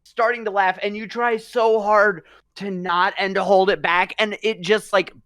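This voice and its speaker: A man's voice: high-pitched, steady tone, normal speed, a bit bright, smooth, no echo, clean studio sound. A man co-hosting a casual podcast chat, jokey and prone to long fits of laughter. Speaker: podcast co-host.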